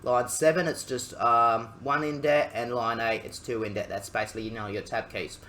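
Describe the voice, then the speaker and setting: A young Australian man, a student, talking through a coding tutorial in a halting, casual way, full of ums and jokey asides. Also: medium pitch, fairly even intonation, sharp tone. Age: young adult.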